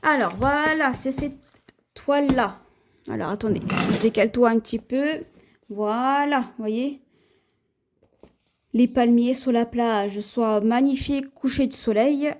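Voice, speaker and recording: A woman with a French accent, chatting slowly through a haul video at home, showing her purchases with many pauses and fillers. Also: on the high side, a little hiss or hum. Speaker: haul vlogger. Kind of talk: casual haul video, showing items to camera.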